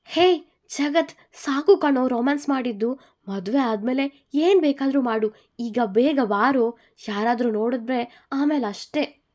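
A woman's voice: high voice, a little slow, darkish tone, voice pushed up. A woman voicing a young man, a jolly, teasing friend who hurries the groom, in a told story. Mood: hurrying. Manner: bossy, teasing.

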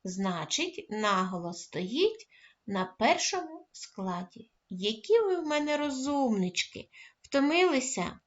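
Slow gentle lady teacher talking to first graders, a bit high voice, dull lo-fi sound. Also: very animated. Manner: slow, gentle, praising and coaxing children. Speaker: primary school teacher. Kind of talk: recorded lesson for first graders.

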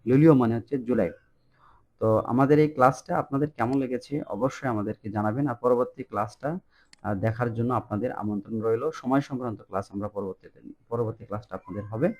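A man's voice: medium pitch, a little mellow. Casual man teaching. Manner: informal, repeats words slowly with many fillers. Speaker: language teacher. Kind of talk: casual online language lesson.

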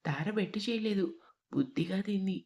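A woman narrates a romantic audio story in a calm, steady way. Her voice is mellow and warm-toned rather than bright. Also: medium pitch, normal speed, vocal fry.

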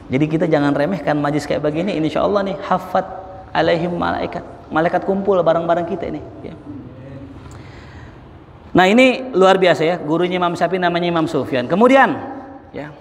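A man giving a religious study lecture, telling stories with sudden high emphatic rises and reciting Arabic before translating it. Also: fairly quick, vocal fry, slight background noise. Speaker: Islamic preacher. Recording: long hall reverb.

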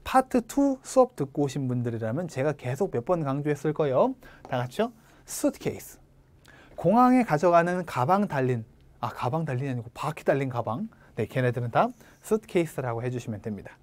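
A woman's voice: deep voice, sing-song, brisk, a little mellow, dry recording. A woman with a Korean accent gives an online test-prep English lesson, drilling students to repeat after her. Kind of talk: online lecture.

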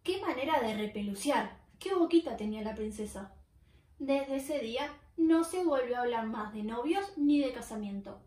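A woman reading a children's story aloud in a clear, expressive storytelling manner with dramatic pauses. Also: sits high. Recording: roomy, far from the mic.

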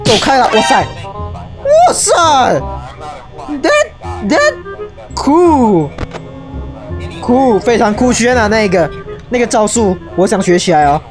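A young woman giving excitable, shrieking let's play commentary, peppered with English exclamations. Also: fairly high pitch, measured pace, long pauses, music in the background. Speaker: gaming YouTuber.

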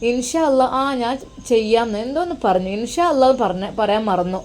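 A woman doing a gentle, devout old mother. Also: on the high side, lively intonation, fairly quick, slight background noise, natural voice. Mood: advising. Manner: gentle, soothing, motherly advice. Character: elderly devout mother, tender and teasing.

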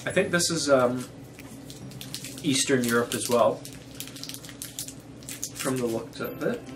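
A woman's voice: very deep voice, slow, background noise. A woman casually taste-testing snacks and describing each one aloud as she goes. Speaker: snack box reviewer. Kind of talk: casual taste-test chat. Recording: distant mic with background music.

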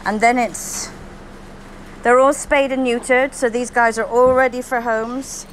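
A woman's voice: on the high side, steady tone, unhurried, slight background noise, low-quality recording. A woman chatting casually on an upbeat vlog at an outdoor animal shelter, talking to dogs and people. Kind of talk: casual handheld vlog chat.

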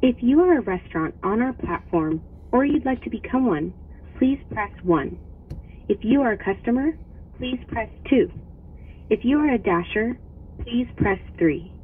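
A woman's recorded phone menu voice reading options in an even, measured, scripted way, played through a phone. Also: a little high. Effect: automated phone menu recording. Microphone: played through a phone speaker. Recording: tinny phone line with faint noise.

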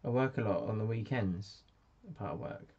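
A man's voice: fairly low pitch, moderate pace, darkish tone. A man hosting a casual live stream, chatty and self-mocking as he answers viewers. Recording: dull lo-fi sound.

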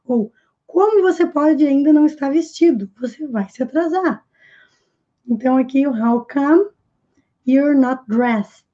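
A woman with a Brazilian Portuguese accent speaks in a high, mellow voice as she teaches English, carefully slowing down to repeat each English phrase and then translating it. The recording sounds a little dull. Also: animated. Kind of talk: language lesson.

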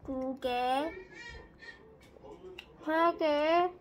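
A woman's voice: high-pitched, drawn-out words, faint music behind. A young girl in a casual eating vlog, talking playfully with her mouth full while chewing. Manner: playful, bantering. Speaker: mukbang vlogger.

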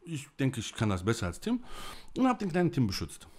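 A man's voice: mid-range voice, huge pitch swings, brisk. A man delivering an angry, emotional monologue to camera, ranting in blunt, coarse language. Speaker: vlogger.

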